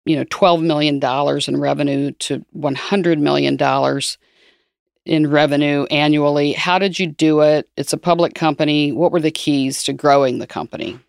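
A woman's voice: sits low, steady tone, moderate pace, creaky, dry recording, studio quality. A woman in her sixties interviewing a guest, reflecting on her own experience as she asks questions. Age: 60s. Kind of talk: conversational interview.

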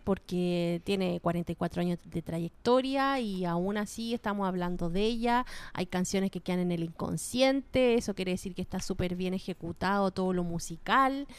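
A young woman with a Chilean accent chatting casually as a podcast co-host reviewing films, lively and slangy. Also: medium pitch. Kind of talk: casual film review chat.

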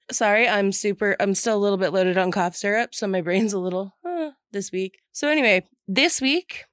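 Hoarse woman podcast host with a head cold. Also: medium pitch, no room sound, clean studio sound. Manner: chatty, frank, swears casually, many "like" fillers. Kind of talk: casual podcast monologue.

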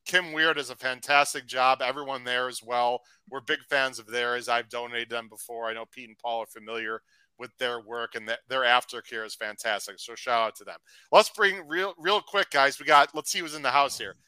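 A man hosting a live racing podcast, chatty and upbeat, reading out shout-outs to viewers. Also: mid-range voice, fairly even intonation, moderate pace, clear, resonant tone, no room sound, rough recording. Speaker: podcast host. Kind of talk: casual live-stream chat.

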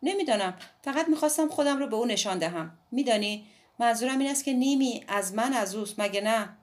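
A woman voicing a playful, bold young woman in an audiobook, her delivery bright and teasing. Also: on the high side, animated, pitched above the performer's own voice, lightly acted. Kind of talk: audiobook dialogue reading.

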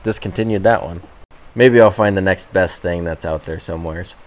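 A man's voice: low voice, normal speed. An American man speaking casually as a guest on a podcast. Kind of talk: casual chat.

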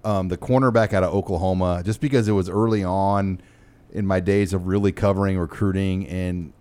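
Male sports talk host, low voice, playful and ribbing. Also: fairly even intonation, a little fast, a little mellow, smooth. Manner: joking, teasing.

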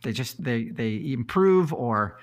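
A man talking as the guest expert on a podcast, relaxed and chatty, with many fillers and easy laughs. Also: mid-range voice, slow pace. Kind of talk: casual podcast chat.

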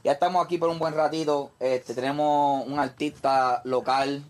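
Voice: medium pitch, fairly even intonation, normal speed, over a noisy crowd. A podcast co-host making loose, rambling introductions in casual chat.

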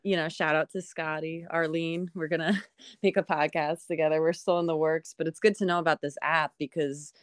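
A woman's voice: low voice, level tone, a little fast, smooth, dry recording, studio quality. A young woman with a laid-back, stoner-like voice, chatting casually as a podcast guest and often dropping in "like". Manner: laughs often, hedges with "like". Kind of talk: casual chat.

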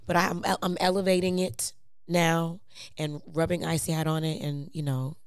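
A woman with a hoarse, raspy voice, chatting casually and telling stories in a playful, slangy way. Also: low voice, flat delivery, moderate pace, no echo, studio quality. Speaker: performer, singer and dancer. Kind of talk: casual chat, animated storytelling.

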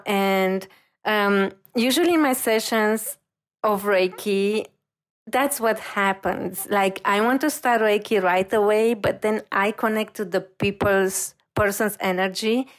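Here a woman who practices reiki gives an intuitive reading, speaking slowly and deliberately. Her voice, pitched at a typical middle level for a woman, carries an earnest, softly comforting quality.

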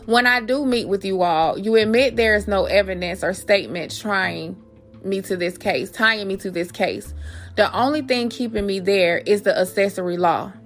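A woman podcast host with a medium-pitched voice speaks at normal speed over background music. She either talks directly and familiarly to listeners, calling them "guys," or reads aloud in this personal podcast.

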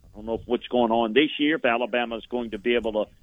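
A man's voice: mid-range voice, fast talker, no room sound. Man on a tinny phone line. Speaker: football analyst guest. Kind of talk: sports radio interview commentary.

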